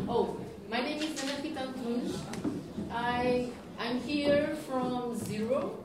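Slow, halting woman moderating a panel. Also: a little high. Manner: halting, with many restarts. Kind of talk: conference panel introduction. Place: conference hall. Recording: echoey hall, distant mic, background noise.

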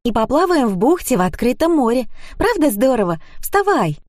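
A woman's voice: very animated, normal speed, darkish tone, no echo, studio quality. Woman doing a giddy tipsy holiday woman. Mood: excited. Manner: high, bubbly and insistent.

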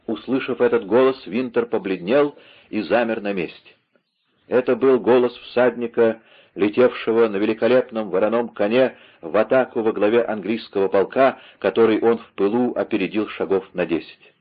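A man narrating an adventure novel aloud in a dramatic, lively reading style, on a slightly dull recording. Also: fairly low pitch, moderate pace. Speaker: audiobook narrator. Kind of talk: scripted narration.

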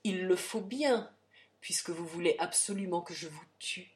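A woman reading aloud, voicing a self-controlled brooding man who speaks softly and sadly. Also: on the low side, moderate pace, close to an everyday voice. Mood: restrained calm. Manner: soft, restrained, quietly sad.

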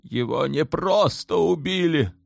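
A man's voice: a little high, expressive, unhurried, creaky, dry recording, clean studio sound, voice pushed up, heavily acted. A man voicing the sultan's mother in an audiobook, an older woman who speaks firmly and measuredly, clipped when pressed. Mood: stern. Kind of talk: audiobook character voice.

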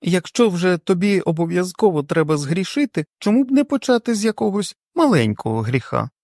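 A shrill, high, scolding wife, as a male narrator puts her on, fussy and indignant, her voice jumping around as she nags her husband. The reading is close and dry, with no room sound. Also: sing-song, fairly quick, mellow, dry recording.

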